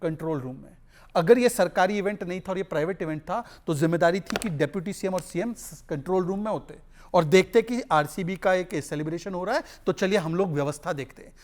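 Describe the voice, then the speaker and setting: A man's voice: sits high, fairly quick, darkish tone. A man on a TV news debate panel, arguing insistently and repeatedly pleading not to be interrupted. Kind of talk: heated TV debate. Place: TV studio.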